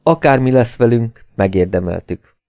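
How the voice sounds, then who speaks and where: A man voicing a frightened, remorseful young woman who speaks in a soft, pleading way. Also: medium pitch, no room sound, studio quality, close to an everyday voice. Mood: sorrowful.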